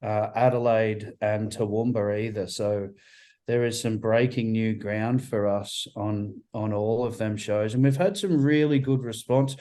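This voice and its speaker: A man's voice: lowish voice, steady tone, measured pace, warm tone, low-quality recording. A man talking casually about his band over a video call, enthusiastic, repeating words and using many fillers. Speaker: band member guest.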